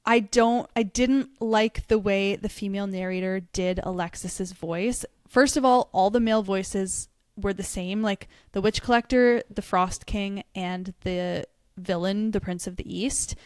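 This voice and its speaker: A woman's voice: medium pitch, measured pace, few pauses, a little mellow, clean tone, no echo, clean studio sound. A young woman co-hosting a book podcast, chatting casually and animatedly, laughing often. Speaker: podcast co-host. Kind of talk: casual book review chat.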